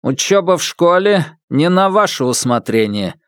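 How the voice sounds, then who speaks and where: A man reading an audiobook, voicing a stern male robot teacher with a metallic, lecturing voice, raised higher and louder than his narration. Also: big pitch swings, normal speed, smooth, no room sound, clean studio sound.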